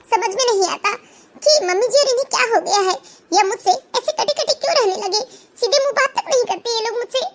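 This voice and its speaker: Woman voicing an upset young daughter-in-law, high voice, pleading, cartoon. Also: animated, fast talker, a bit bright. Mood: distressed. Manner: pleading, distressed. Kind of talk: cartoon voice acting.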